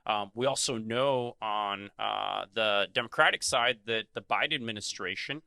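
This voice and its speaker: Measured man co-hosting a podcast, bright tone. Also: fairly low pitch, vocal fry, clear, resonant tone, dry recording. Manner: measured, many ums and you-knows. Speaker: podcast co-host. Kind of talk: conversational advocacy discussion.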